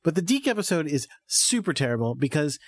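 A man co-hosting a podcast, chatting casually with wry, animated complaints. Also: on the high side, a little fast, no room sound. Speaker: podcast co-host. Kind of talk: casual chat.

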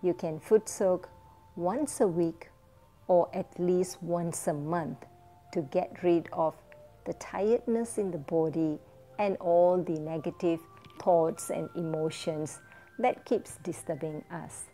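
A woman teaching a guided foot-soak meditation, giving gentle step-by-step instructions. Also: lowish voice, slow pace, soft background music.

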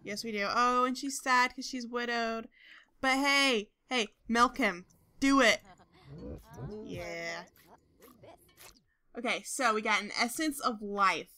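A young woman with a bright, clear voice talks her way through a life-simulation game. She chats casually to her viewers and coaxes the characters on screen, and she breaks into excitable outbursts. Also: a little high, slow pace, long pauses. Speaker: gaming video host. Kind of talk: casual gameplay commentary.

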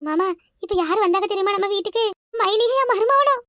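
Woman as anxious cartoon village wife, very high pitch, pleading, emotional, dry recording. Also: animated, fairly quick, a bit bright, no room sound. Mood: excited. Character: anxious village wife torn over her family. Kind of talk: cartoon voice acting.

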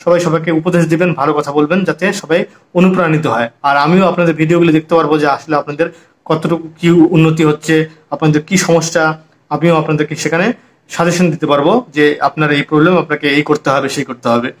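Slightly high-voiced music teacher. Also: male voice, fairly even intonation. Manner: counts beats aloud slowly, chatty explanations. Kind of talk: harmonium and rhythm lesson.

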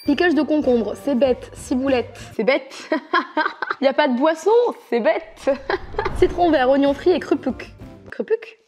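A woman's voice: high-pitched, unhurried, a little mellow, soft background music. A young woman from France chatting to camera at home, bubbly and self-mocking. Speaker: vlogger. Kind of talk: casual chat to camera. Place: at home, indoors.

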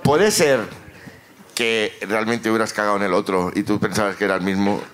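A man's voice: lowish voice, a little fast, a bit bright. Teasing co-host man. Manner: teasing questions. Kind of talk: live comedy podcast banter.

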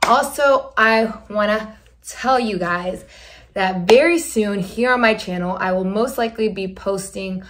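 Casual home vlogger, woman, mid-pitched and chatty, recorded as a phone video. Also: a little slow, a little hiss or hum. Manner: chatty, excited, addresses viewers as guys. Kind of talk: casual vlog talk to viewers. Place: at home indoors. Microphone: phone camera.

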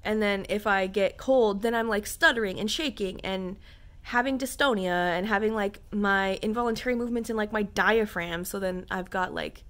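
A woman's voice: mid-range voice, a bit bright. A young adult woman chatting casually and candidly to her viewers, rambling with lots of fillers. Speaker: vlogger talking to viewers. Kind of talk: casual chat to camera.

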